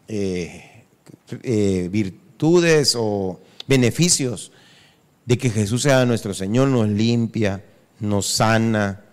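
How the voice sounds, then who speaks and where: A man's voice: a little high, in a large hall. A male pastor, preaching a sermon emphatically, repeating phrases and asking questions of the listeners.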